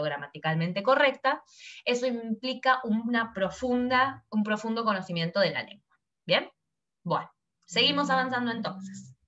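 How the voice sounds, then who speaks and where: A woman teaches a lesson, walking through her slides. She talks in a middle pitch and acts out her examples by shifting her tone. The recording sounds dull and lo-fi. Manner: expressive, acts out examples with changing tone.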